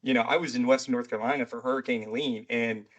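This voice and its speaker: A man's voice: mid-range voice, fairly even intonation, fast, muffled recording. A man hosting a mystery podcast in a loose, rambling chat, peppered with "you know" and "right". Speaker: podcast host; military veteran.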